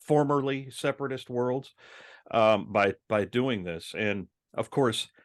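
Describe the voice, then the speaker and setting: A man's voice: mid-range voice, measured pace, no echo. Rambling man on a dry podcast mic. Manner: rambling, many ums and restarts. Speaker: podcast co-host. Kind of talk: casual podcast discussion.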